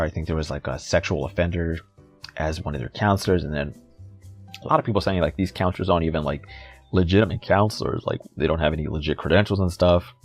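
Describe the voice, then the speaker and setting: A man giving a heated, profane and sarcastic rant as a YouTube commentator. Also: low voice. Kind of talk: ranting commentary vlog.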